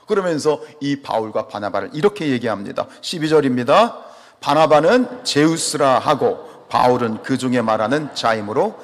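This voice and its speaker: A man's voice: a little high, long reverb tail. A man from Chungcheong preaching a sermon as pastor, asking the congregation questions and answering them himself. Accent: Chungcheong Korean. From Chungcheong, South Korea. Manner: animated, asks the congregation questions. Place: church sanctuary.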